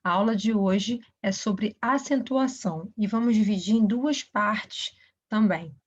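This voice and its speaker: A woman's voice: medium pitch, a little slow, a little mellow, husky. A woman teacher giving a recorded grammar lesson, explaining step by step and often checking in with short questions. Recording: dull lo-fi recording.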